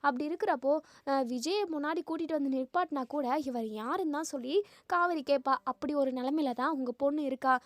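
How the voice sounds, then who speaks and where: Stern older grandmother, read by a woman, firm and scolding, high voice, dry sound. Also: a little fast, no room sound, natural voice.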